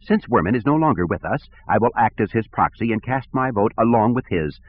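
A man's voice: on the low side, animated, brisk, a little hiss or hum, close to an everyday voice. A man voicing a petty, pompous male station director who talks in fussy, bureaucratic tones. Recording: tinny phone-like audio.

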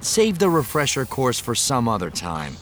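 A man voicing a steady, gruff male spacer who speaks in a dry, measured way. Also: medium pitch, a little hiss or hum, voice pushed up.

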